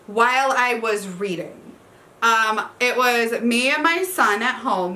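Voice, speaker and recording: Her voice sits on the high side, bright and pushed, as this woman talks books for her vlog. It's a relaxed book tag, full of laughter, cursing, chatty asides and plenty of "y'all."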